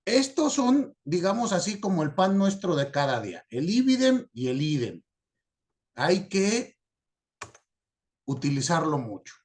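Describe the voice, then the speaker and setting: Male lecturer, high voice, unhurried, patient explainer. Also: big pitch swings. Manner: slow, patient, checks understanding often. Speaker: teacher. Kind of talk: recorded lecture on citation format.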